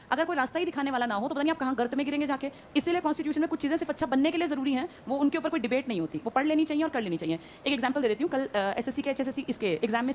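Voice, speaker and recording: A woman teacher giving a brisk classroom lecture, quizzing her students and answering her own questions. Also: sits high, a little hiss or hum.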